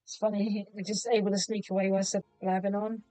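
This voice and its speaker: A woman's voice: medium pitch, level tone, a little fast, over loud music, rough recording. A woman giving casual commentary as she hosts a film reaction. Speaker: reaction host.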